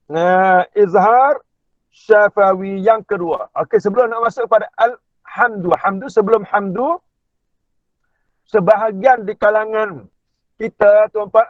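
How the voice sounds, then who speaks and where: A man with a Malaysian Malay accent teaching a Quran recitation class online from inside a car. He keeps checking in with his listeners and slowly drawls out recited words as examples. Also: sits high, no room sound. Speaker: religious teacher. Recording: tinny phone-line audio, dry.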